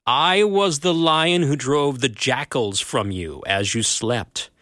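Man doing a vast, calm old lion, deep and slow, dry close sound. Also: no room sound. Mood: solemn. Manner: slow, grave and low.

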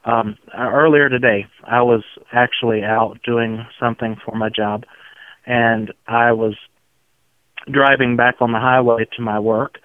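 Man, slow Southern US drawl, unflappable, reflective interview talk, resonant voice, dry phone-like sound. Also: mid-range voice, fairly even intonation, clear, resonant tone, no room sound. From outskirts of Memphis, Tennessee. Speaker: interview guest. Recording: muffled narrow phone-like line.

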